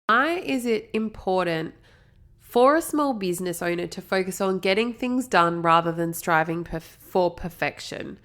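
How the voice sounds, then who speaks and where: With a lowish, fairly bright voice at normal speed, a chatty Australian podcast host in her thirties from South Australia talks animatedly on her solo marketing show. She sounds blocked up in the nose and keeps drifting into friendly asides.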